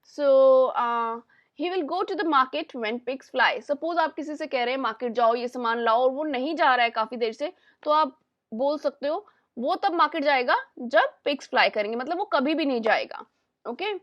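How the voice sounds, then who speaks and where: A woman teaching an English lesson, mixing Hindi and English and slowing down to spell out English examples. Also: high-pitched, lively intonation, no room sound, highs cut off. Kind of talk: classroom-style English lesson.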